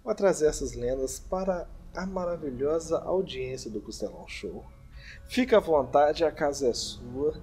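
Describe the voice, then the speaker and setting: A man's voice: on the high side, moderate pace, darkish tone, faint music behind. A young man with a Brazilian accent hosting a podcast, joking and teasing in casual chat. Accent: Brazilian Portuguese. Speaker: podcast host.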